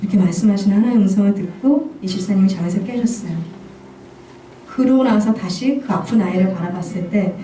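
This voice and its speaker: A woman's voice: mid-range voice, a little fast, dark tone. A woman giving an earnest testimony sermon as a guest worship minister, telling stories to a church congregation. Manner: earnest, storytelling. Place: church sanctuary. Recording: echoey hall, distant mic, faint music.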